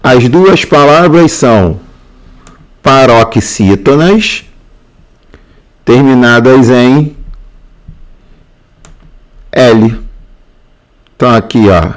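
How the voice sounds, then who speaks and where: Brazilian guy teaching exam prep, slow and steady, keeps asking "tá?". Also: mid-range voice. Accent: Brazilian Portuguese. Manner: explains step by step, repeats key points, checks in with "tá?". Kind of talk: exam answer walkthrough lesson.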